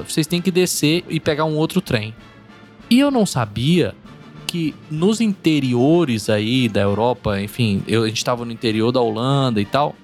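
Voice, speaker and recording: A man hosts a relaxed chat and tells a travel story with a lot of expression. His voice sits at a middle pitch for a man, and soft music plays faintly underneath.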